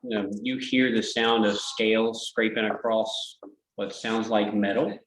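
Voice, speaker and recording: A man's voice: fairly low pitch, steady tone, unhurried, fairly bright tone, echoey room, rough recording. A man running a tabletop game as game master, describing scenes in a hesitant way with many fillers.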